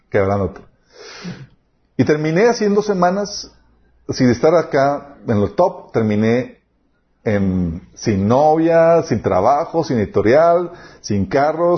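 A man preaching a sermon, telling personal stories and acting out quoted dialogue. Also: medium pitch. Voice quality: animated, storytelling with quoted dialogue. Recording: dull lo-fi sound.

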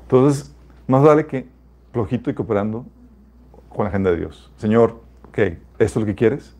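A man's voice: lowish voice, normal speed, dull audio. Chatty man preaching a testimony. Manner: conversational, addresses listeners as "chicos", animated with laughs. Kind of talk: informal sermon with personal testimony.

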